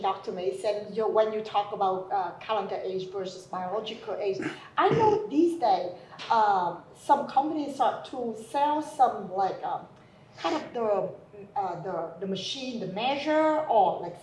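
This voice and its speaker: A woman's voice: mid-range voice, big pitch swings, measured pace, a little mellow. A woman hosts an interview, asking her questions hesitantly and searching for words with many fillers. Her voice sounds distant from the mic in a roomy space. Faint background noise sits under the speech. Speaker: channel host.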